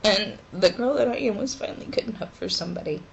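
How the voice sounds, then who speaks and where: A woman in her twenties talking haltingly and emotionally in a personal vlog from her dorm room, with pauses and sighs. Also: medium pitch, expressive, gravelly, slight background noise, low-quality recording. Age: 20s. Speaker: vlogger.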